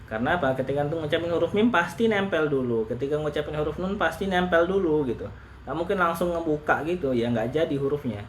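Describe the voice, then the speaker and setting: A man teaching Quran recitation in a relaxed lesson, patiently repeating rules slowly and demonstrating letter sounds. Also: on the high side, a little hiss or hum. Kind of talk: relaxed online tajwid lesson.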